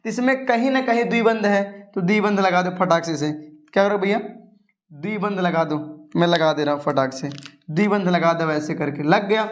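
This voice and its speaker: A high-voiced male chemistry teacher runs a casual coaching class. He is chatty and coaxing, and keeps firing questions at his students before answering them himself. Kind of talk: casual coaching lesson at a board.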